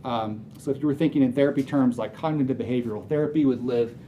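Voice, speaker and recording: A man's voice: mid-range voice, fast, dull audio, a little hiss or hum. A man and author giving a conversational, earnest motivational talk to a room of agents, working through lists of ideas. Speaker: speaker and author.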